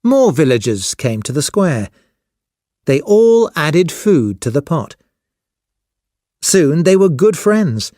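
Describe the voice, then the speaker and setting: Slow, expressive man narrating a storybook. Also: a little high, no echo, studio quality. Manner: slow, expressive, clearly spoken. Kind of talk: scripted storybook narration for children.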